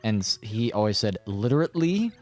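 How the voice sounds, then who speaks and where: A man's voice: fairly low pitch, moderate pace, darkish tone, faint music behind. A young man chatting casually as co-host, rambling and joking crudely, with frequent restarts. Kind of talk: casual chat.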